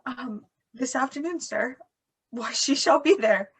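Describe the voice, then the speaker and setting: Woman cast as an excitable old nurse; husky and fussing, a bit high. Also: measured pace, exaggerated voice. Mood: eager. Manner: exclaiming, fussing. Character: fussy old female nurse, chatty servant. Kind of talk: amateur Shakespeare reading.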